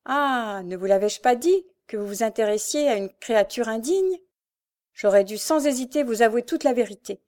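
A woman's voice: a little high, moderate pace, a little mellow, lightly acted. A woman voicing a desperate young woman confessing. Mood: anguished. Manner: pleading, impassioned outbursts. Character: desperate young woman thief, tormented and ashamed.

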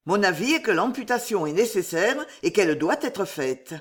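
A woman's voice: medium pitch, lively intonation, normal speed, close to an everyday voice. A woman reading aloud, voicing an irritated male army surgeon who speaks in a curt, matter-of-fact way. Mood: blunt.

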